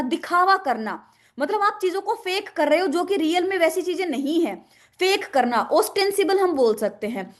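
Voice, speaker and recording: A woman teaching English vocabulary, asking questions and answering them herself, repeating each word. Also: very high voice. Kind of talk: explaining in a lesson with memory tricks.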